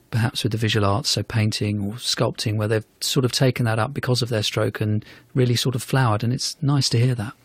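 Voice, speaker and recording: A man, a neurology professor, explaining in a radio interview in a measured, thoughtful way, often softening his points with "sort of". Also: mid-range voice, dry recording. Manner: measured, thoughtful, fond of hedges such as "sort of".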